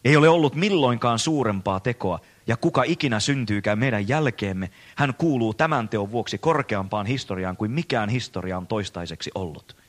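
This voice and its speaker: A man's voice: on the low side, expressive, hardly any pauses. Man reads aloud as an anguished, frantic madman, a storybook figure, piling up dramatic questions. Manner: impassioned dramatic reading, rising rhetorical questions. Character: frantic madman crying out that God is dead.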